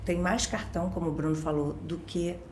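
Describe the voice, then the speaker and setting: A woman's voice: fairly low pitch, brisk, darkish tone, slight background noise. Talkative carioca woman, roomy sound. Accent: Rio de Janeiro Portuguese. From Brazil, born in Minas Gerais. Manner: talkative, explains with everyday examples, frequent tag questions. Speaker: guest expert. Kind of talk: casual explanatory chat.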